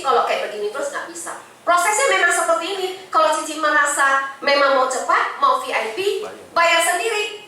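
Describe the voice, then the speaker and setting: Indonesian accented woman speaker, middle-aged, high bright voice, chatty, asks the crowd stuff, sounds far off in a boomy room. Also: slight background noise. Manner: lively, chatty, asks the audience questions. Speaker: insurance agency director giving a talk. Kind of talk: motivational sharing session to an audience. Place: meeting room with an audience. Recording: echoey room, voice from a distance.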